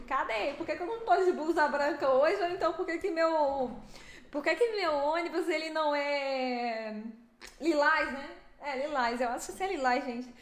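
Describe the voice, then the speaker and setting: A young Brazilian woman streaming a driving game, chatting with viewers in a lively, fast way and laughing often. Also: very high voice, roomy sound. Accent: Brazilian Portuguese. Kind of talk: live stream chat with viewers.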